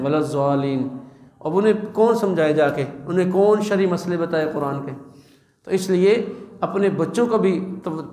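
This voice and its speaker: A man preaching as a religious teacher, with a fairly high voice that rings in an echoey room. He stretches out recited words as examples and asks his listeners rhetorical questions. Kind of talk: sermon on Quran recitation.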